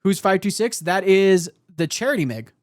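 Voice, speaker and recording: A man's voice: high voice, animated, normal speed, dry recording, clean studio sound. A man telling lore as a streamer, with casual asides and a hesitant, self-correcting delivery. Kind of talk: live storytelling with casual asides.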